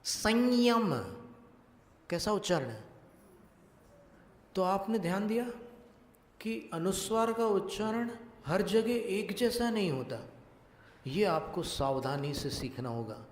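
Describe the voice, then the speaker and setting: A male monk giving a religious discourse, teaching Sanskrit pronunciation slowly and deliberately and putting questions to his listeners. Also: sits high, animated. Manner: slow, deliberate, questions the audience. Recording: echoey hall with long reverb.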